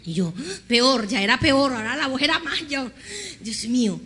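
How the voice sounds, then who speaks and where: A woman pastor preaching an animated sermon, acting out conversations and having the congregation repeat after her. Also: sits high, moderate pace, a little hiss or hum. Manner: animated storytelling, acts out dialogue with God.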